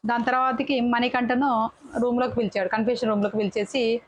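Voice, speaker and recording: A woman's voice: fairly high pitch, flat delivery, highs cut off. Chatty woman reviewer. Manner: chatty, quick restarts and self-corrections. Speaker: reality show reviewer. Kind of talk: casual episode review.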